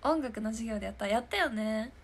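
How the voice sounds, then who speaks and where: A woman's voice: a little high, expressive, a little fast. Giggly young woman chatting on a stream. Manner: giggly and chatty, often laughing. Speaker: idol hosting a live stream talk show. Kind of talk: casual chat answering viewer comments.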